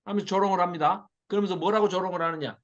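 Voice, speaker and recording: Lively male Bible teacher, high voice, muffled lo-fi class recording. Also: racing. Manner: animated, mocks the invaders in acted quotes. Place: classroom with a small audience.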